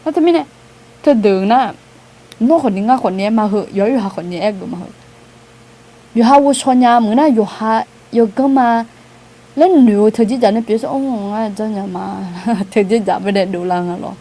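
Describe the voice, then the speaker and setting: A woman's voice: on the high side, normal speed, mellow. A woman giving an informal, conversational outreach talk to a group, with frequent hesitation sounds and light laughter. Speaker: outreach speaker.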